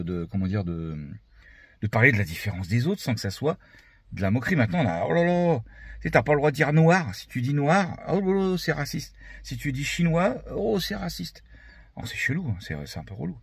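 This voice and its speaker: A man from France vlogging in a relaxed, chatty way, full of fillers, filming with a handheld camera near his van. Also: medium pitch, husky, no echo. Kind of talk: casual vlog chat.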